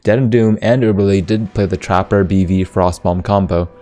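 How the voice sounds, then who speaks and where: A man commenting live on an esports race, upbeat and easily excited by split times, often filling with "like". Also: deep voice, moderate pace, faint music behind.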